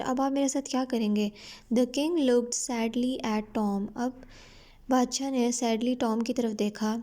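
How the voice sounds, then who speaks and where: Brief: woman teacher, Pakistani accent, slightly high mellow voice, slow careful reading with explanations. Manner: reads English lines slowly then explains in Urdu. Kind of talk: reading a novel aloud and explaining it.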